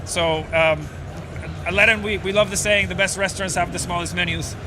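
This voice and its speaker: This Venezuelan startup co-founder speaks at a moderate pace with a high-sitting voice and fairly even intonation. He's giving a long, casual interview full of fillers outside at a bustling conference, with noise behind him.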